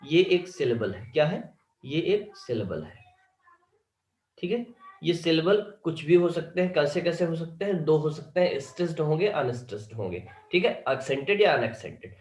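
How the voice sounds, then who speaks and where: A man's voice: a little high, very animated, normal speed, darkish tone, roomy sound. A male teacher, giving an online lecture and often checking whether students have understood. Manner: keeps asking students if they understood.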